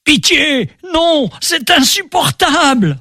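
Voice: high-pitched, very animated, slow pace, sharp tone, no echo, clean studio sound, heavily acted. A performer playing a tormented sea captain tied to the mast, pleading in desperate outbursts in an amateur radio play.

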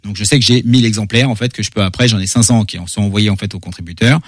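Male comic author, quick, animated, filler-heavy casual talk, dry mic. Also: fairly low pitch, dry recording. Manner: animated, many fillers and repeated words. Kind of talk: casual interview chat.

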